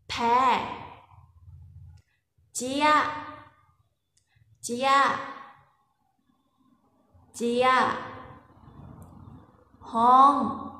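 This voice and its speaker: Slow, patient woman teacher in an echoey room. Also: medium pitch, a bit bright. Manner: patient, repeats each example syllable three times. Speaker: language teacher. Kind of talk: pronunciation lesson. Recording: echoey room with long reverb.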